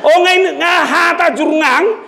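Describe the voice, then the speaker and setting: Male pastor, very high voice, lively sermon with shouted points and playful asides. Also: slow, vocal fry, some chatter behind, slight background noise. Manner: animated, switching between shouting and joking asides.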